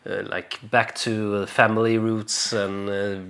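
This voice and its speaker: A young man, from Denmark, talking casually in a relaxed and hesitant way, with frequent fillers and restarts. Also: lowish voice, a little slow. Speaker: vlogger. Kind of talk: casual conversational vlog chat.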